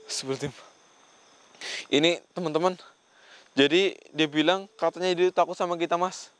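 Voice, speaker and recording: A man's voice: a little high, a little fast, fairly bright tone, clean tone, dry recording. A man hosting a paranormal investigation vlog, talking earnestly to a spirit and to his viewers. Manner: earnest, speaks to spirits and viewers, keeps saying "Mas". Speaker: ghost-hunting vlogger.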